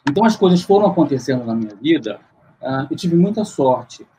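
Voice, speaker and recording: A man's voice: medium pitch, animated, a little fast, warm tone, slight background noise, poor audio. A middle-aged man from Rio de Janeiro, a guest on a video call, telling his story at length with many fillers and restarts. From Rio de Janeiro, Brazil. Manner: long rambling account with many fillers and restarts. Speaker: guest, luxury market CEO. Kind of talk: interview over video call.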